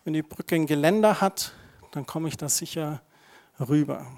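A man's voice: fairly high pitch, normal speed, darkish tone. A middle-aged man preaching a sermon as pastor, chatty and conversational, with asides to the congregation. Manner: conversational, asides with tag questions.

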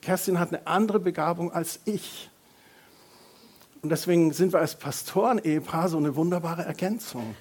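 A middle-aged man preaching a lively sermon as a pastor, joking with the congregation and raising his voice for emphasis. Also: on the high side, moderate pace, breathy edge. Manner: lively, varies loudness for emphasis, jokes with congregation.

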